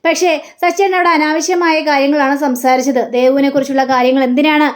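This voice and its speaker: A woman voicing a calm young wife who reasons earnestly with her husband, in a serial retelling. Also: high-pitched, fast talker, close to an everyday voice.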